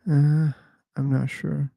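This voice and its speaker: Slow, mellow-voiced livestream host man. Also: a little high, flat delivery, creaky, no echo. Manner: slow, musing, thinking aloud. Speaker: host of an online discussion livestream. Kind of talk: casual livestream chat.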